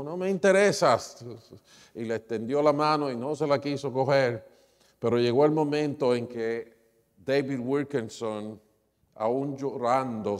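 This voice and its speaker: A man's voice: medium pitch, a little mellow. A man preaching a sermon, retelling a story with quoted dialogue. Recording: long reverb of a church hall.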